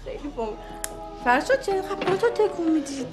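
A teasing sitcom wife, high-voiced, savoring every gruesome detail to needle her husband. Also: big pitch swings, over loud music. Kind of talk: sitcom acting.

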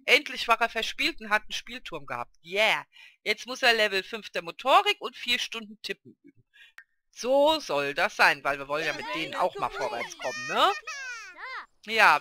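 A woman's voice: fairly high pitch, sharp tone, no room sound. A woman casually commenting on her own gameplay, chatty and coaxing, talking to her game characters like children. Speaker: let's play gamer.

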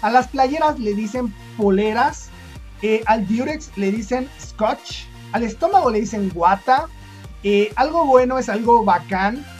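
A woman's voice: a little high, animated, unhurried, a little mellow, faint music behind. Chatty Mexican woman explaining accents. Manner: chatty, thinking aloud with fillers. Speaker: video host. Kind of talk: casual explanatory commentary.

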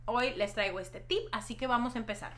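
Indoors in a small decorated room at home, a young adult woman who is a YouTube host and hypnotherapist chats casually to camera. She explains things emphatically, repeating words for stress, in a fairly bright voice on the high side that moves a little fast.

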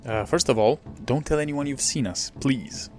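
A man's voice: medium pitch, lively intonation, moderate pace, darkish tone. A man playing a video game and commenting casually, with muttered asides and fillers. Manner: muttering asides with fillers, sometimes reading dialogue along. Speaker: let's play gamer. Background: game music.

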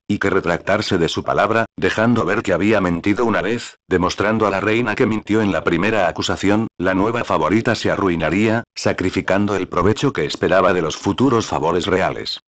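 A male audiobook narrator tells the story in an even, deliberate way. His voice sits very deep and low.

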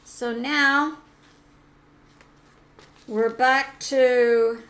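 This US-based channel host covers the news solo in a somewhat high female voice that stays steady and slightly bright. Her pace is slow and hesitant, packed with filler words and self-corrections mid-sentence.

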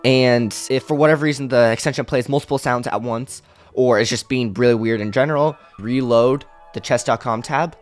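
Young guy doing rambly gamer bro commentary, kinda hyped, normal pitch, bit of music behind. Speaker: video creator demonstrating his own program. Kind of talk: casual gameplay commentary. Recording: music playing underneath.

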